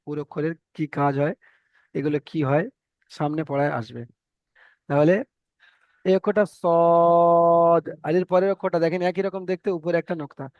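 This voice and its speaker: A man's voice: on the high side, steady tone, a little fast, no room sound, narrow, tinny audio. A male teacher with an Indian Bengali accent, leading an online Arabic reading lesson and patiently repeating letter sounds for his students. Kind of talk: online Quran reading class.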